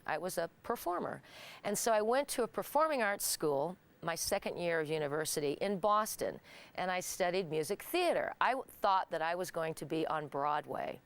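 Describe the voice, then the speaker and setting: Middle-aged Midwestern woman host, low-ish smooth voice, careful clear delivery. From Kansas, United States. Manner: clear, deliberate speech for learners. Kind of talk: monologue to camera.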